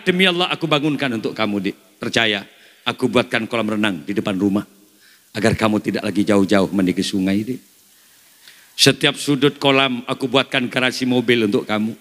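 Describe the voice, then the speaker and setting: A male preacher voicing a poor husband who gently coaxes his angry wife. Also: big-room sound. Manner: soft, coaxing, lower-voiced.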